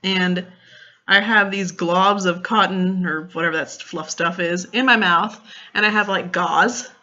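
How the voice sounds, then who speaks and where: A young woman chatting casually in a vlog, retelling a story in an animated way with lots of fillers and quoted dialogue. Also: fairly low pitch, measured pace, highs cut off. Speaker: vlogger.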